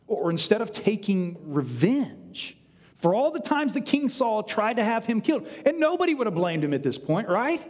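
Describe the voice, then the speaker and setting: A man preaching a sermon, telling the story with humor and lively storytelling, at times dropping to a hush. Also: high-pitched, breathy edge, big-room sound. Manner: animated, humorous storytelling with sudden hushed drops. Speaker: pastor.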